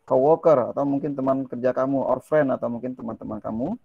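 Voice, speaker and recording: Gravelly-voiced man teaching casually. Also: mid-range voice, dry recording, phone-quality sound. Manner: switches between reading English lines slowly and explaining quickly in chatty Indonesian; asks his listeners rhetorical questions. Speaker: English teacher. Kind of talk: casual language lesson.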